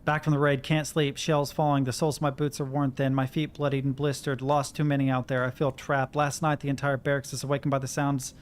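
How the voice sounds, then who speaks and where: A man's voice: mid-range voice, little pitch movement, a little fast, hardly any pauses. An American man doing casual livestream game commentary, talking to himself as he plays and reading in-game notes aloud. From Kentucky, United States. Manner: talks to himself while playing. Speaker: game streamer.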